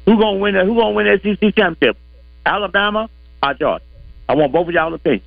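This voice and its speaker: Man, caller over the phone, fast, dry close sound, insistent. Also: high-pitched, gravelly, no echo. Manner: excitable, insistent, repeats himself. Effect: heard over a phone line. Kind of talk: casual sports call-in banter. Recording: tinny phone line.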